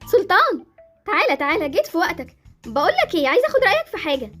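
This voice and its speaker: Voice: extremely high pitch, very animated, very fast, a bit bright, soft background music, exaggerated voice. A young performer with an Egyptian accent voicing Jessie, a clingy, dramatic girl in a Roblox roleplay series. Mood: excited.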